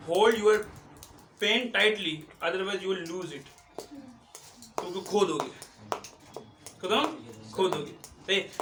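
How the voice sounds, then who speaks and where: A man's voice: high voice, background noise. A male teacher explaining physics to a class, mixing English phrases into his talk and repeating questions to the students. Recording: echoey classroom, mic far off. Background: students' voices.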